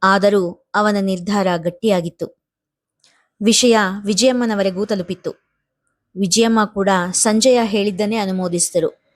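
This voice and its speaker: A woman storyteller reading an emotional family drama in a steady, even narration. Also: mid-range voice, a little slow, long pauses. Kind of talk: scripted narration.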